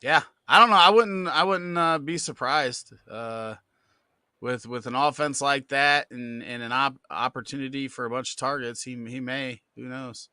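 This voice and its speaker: A man's voice: mid-range voice, fairly even intonation, normal speed, sharp tone, smooth, no echo. A man co-hosting a live fantasy football Q&A, reading viewer questions in an easygoing way with fillers. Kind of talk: casual live Q&A chat.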